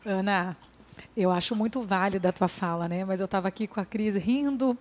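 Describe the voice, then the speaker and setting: A woman, a guest on a talk show, chatting in an animated, laughing way about her kids. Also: mid-range voice, normal speed. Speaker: guest mother. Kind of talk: casual chat.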